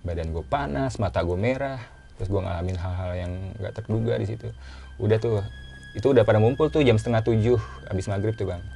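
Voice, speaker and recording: A man with a casual way of talking, telling his own story as a guest in a relaxed chat and repeating phrases for emphasis. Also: on the low side, fairly quick, vocal fry, a little hiss or hum.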